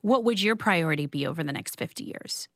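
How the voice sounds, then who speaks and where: A woman hosting a call-in radio talk show, asking clear questions of her panel. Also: sits low, animated, brisk, no room sound, studio quality. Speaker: radio host. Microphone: studio mic.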